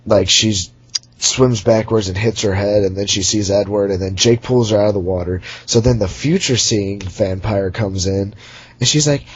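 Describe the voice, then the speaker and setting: A man's voice: on the low side, normal speed, husky. Sarcastic young man ranting. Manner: rambling, sarcastic, mocking character voices. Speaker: movie reviewer. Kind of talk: casual rant recap. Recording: dull lo-fi home recording.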